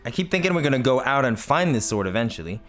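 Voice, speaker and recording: A man's voice: mid-range voice, sing-song, fast talker, a bit bright. A man hosting a let's play, chatting casually with lots of laughs and rambling restarts. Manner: rambling, laughing, self-correcting. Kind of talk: casual gameplay commentary. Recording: game music playing behind.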